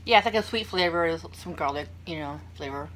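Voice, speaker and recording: While eating, a young adult woman chats with viewers in a low, fairly bright voice at a fairly quick clip. Her mukbang talk meanders through anecdotes peppered with jokes at her own expense, over clear room noise.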